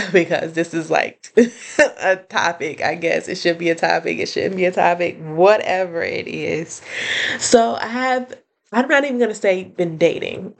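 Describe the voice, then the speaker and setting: A woman hosting her own podcast, chatting casually and excitedly to her listeners with lots of fillers and laughter. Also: lowish voice, creaky. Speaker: podcast host. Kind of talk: casual solo podcast update.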